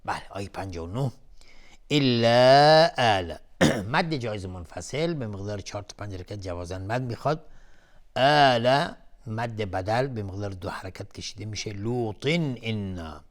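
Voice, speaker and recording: A man hosting a televised Quran recitation lesson, chanting each verse slowly and melodically, then calmly explaining the recitation rules word by word. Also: on the low side. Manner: calm, methodical, repeats each word while explaining. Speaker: Quran recitation teacher and host.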